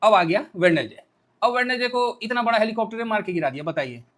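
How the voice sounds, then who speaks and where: Guy with a highish voice doing chatty joking stock market talk, lots of questions to himself. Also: fast talker. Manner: joking, colloquial, full of rhetorical questions; lively, playfully acts out the news. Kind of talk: casual market commentary.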